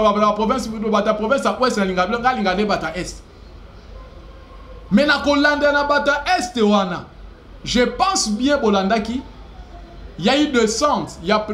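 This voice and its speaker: A man's voice: sits high, a bit bright, reverberant, slight background noise. A man with a Congolese accent hosting a political news commentary, impassioned and mixing languages, with emphatic rising bursts. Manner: impassioned, switching between French and Lingala, with emphatic rising bursts. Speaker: host of a news commentary channel.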